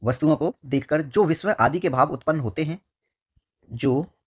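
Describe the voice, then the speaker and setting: A male teacher with a slightly rough, somewhat high voice gives an exam-prep lesson, heard through dull audio. He repeats key words slowly and frequently calls his students his dear children.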